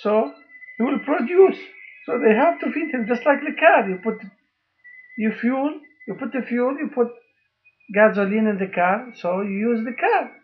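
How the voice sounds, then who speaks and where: A man making a personal video appeal to the camera as a father, talking in halting, emphatic, repetitive phrases while he holds up documents. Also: very high voice, animated, phone-quality sound, a little hiss or hum.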